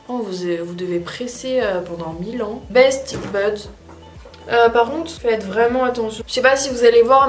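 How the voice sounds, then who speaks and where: A woman talks through a makeup test in a loose, rambling way, often pausing to hesitate. Her voice rings in an echoey room, with faint music underneath. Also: medium pitch. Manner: chatty, rambling, frequent hesitations. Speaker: beauty vlogger. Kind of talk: casual makeup tutorial chat.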